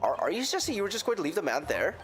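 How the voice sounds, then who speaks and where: A man's voice: high-pitched, big pitch swings, very fast, fairly bright tone, faint music behind, voice pushed up. A man voicing a flustered, earnest young defense lawyer in a courtroom game, somewhat hesitant. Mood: flustered, questioning. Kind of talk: voiced reading of game dialogue.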